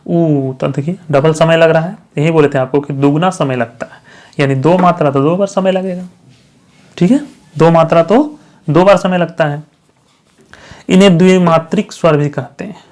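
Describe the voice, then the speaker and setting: Male grammar tutor, somewhat higher-pitched, quizzing his viewers and checking in with them often. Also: darkish tone. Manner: repeats questions to the viewers and answers them himself; checks understanding with frequent "thik hai". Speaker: teacher. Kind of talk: grammar lesson for exam candidates.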